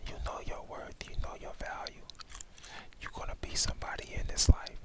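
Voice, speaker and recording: A young adult man whispers a reassuring ASMR pep talk of affirmations straight to the listener, close on a headset microphone. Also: normal speed. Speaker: ASMR host. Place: indoors, small room at home. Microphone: headset microphone close to the mouth.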